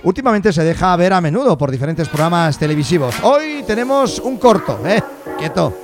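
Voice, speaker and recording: Male radio host, upbeat and high, music playing underneath. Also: very animated, brisk. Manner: upbeat introductions. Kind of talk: radio show hosting.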